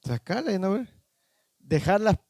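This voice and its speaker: A man's voice: high voice, sing-song, slow, darkish tone, no room sound. A man preaching a sermon as pastor, often quizzing the congregation with short questions. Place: church.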